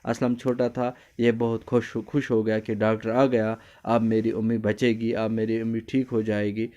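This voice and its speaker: A man teaches a story lesson to young children. He speaks in a flat, level pitch with a clear, smooth tone. He repeats phrases and explains each new word carefully. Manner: explains word meanings, switches briefly into Kashmiri; addresses children fondly, repeats lines.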